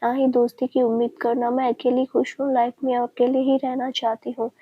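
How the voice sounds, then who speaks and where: A woman reading the lines of a hurt, defiant young woman in a family story, with a husky voice. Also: fairly high pitch, flat delivery, fairly quick, dry recording. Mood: bitter. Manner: bitter, defiant. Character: hurt, bitter young woman cutting off a friend. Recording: dry, dull lo-fi sound.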